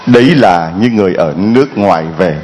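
Vietnamese priest preaching, rhetorical questions. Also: male voice, fairly low pitch, expressive, a little fast, darkish tone, faint music behind, low-quality recording. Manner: rhetorical questions answered aloud, quoting parishioners' pleas. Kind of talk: Gospel reading and homily.

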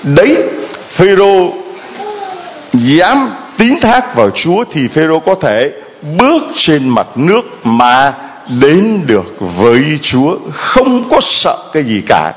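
A man's voice: on the high side, wildly swooping pitch, slow pace. A man preaching a sermon as a priest, telling the story dramatically and animatedly, with sound effects.

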